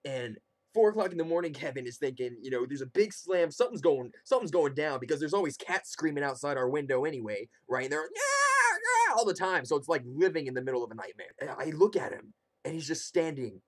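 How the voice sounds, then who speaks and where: Young man, mid-range voice, casual comedic storytelling, animated delivery, acts out quotes. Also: mid-range voice, fast talker. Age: young adult. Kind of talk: casual humorous personal storytelling.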